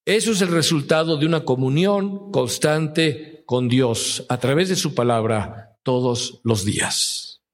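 A man's voice: mid-range voice, unhurried. A man preaching a sermon to a congregation, often asking his listeners questions. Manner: asks the listeners frequent questions. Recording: long reverb of a large hall.

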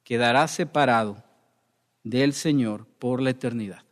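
Guy preaching a bible study sermon, slow and deliberate, keeps checking in with the room, long reverb. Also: medium pitch. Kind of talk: sermon, verse-by-verse Bible teaching.

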